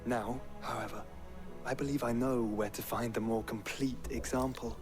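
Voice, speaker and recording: A man's voice: medium pitch, steady tone, moderate pace, natural voice. An actor playing an earnest, refined young nobleman in a fantasy video game. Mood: earnest, explanatory. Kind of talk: dramatic video game acting. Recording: game music playing behind the voice.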